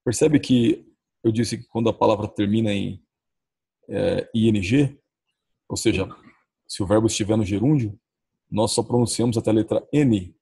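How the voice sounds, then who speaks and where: A man with a Brazilian Portuguese accent teaching English in a recorded lesson, saying the English example phrases slowly and drawn out. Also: on the low side, gravelly, mellow, slightly rough. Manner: says English model phrases slowly and drawn out, often adds "ó".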